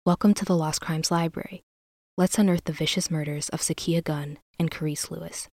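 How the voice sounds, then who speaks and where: A woman narrates a scripted true crime story as a podcast host. Her voice is on the low side, recorded dry with very little room sound. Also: fairly even intonation, brisk, darkish tone, dry recording.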